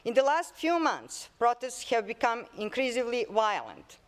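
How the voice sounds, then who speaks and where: A woman's voice: a little high, wildly swooping pitch, normal speed. Serbian-accented woman giving a formal speech. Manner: reads a prepared statement, occasional restarts. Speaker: parliamentarian.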